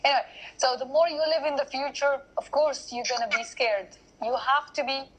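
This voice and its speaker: Hosting a casual live stream via online video call, a woman chats, laughs easily and keeps repeating directions to viewers during an interview. Her high, somewhat bright voice is fairly even in intonation at a moderate pace, and the audio quality is low.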